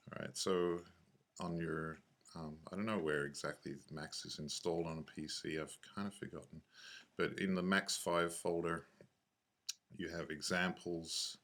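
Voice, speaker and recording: Narrating an unscripted screencast, this software tutorial instructor speaks in a low, flat voice, thinking aloud haltingly and often self-correcting.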